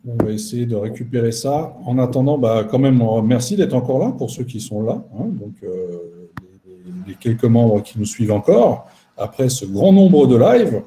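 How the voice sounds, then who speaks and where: A man hosting a live online chat, relaxed and chatty with some fillers. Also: medium pitch, moderate pace, slight background noise. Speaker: host.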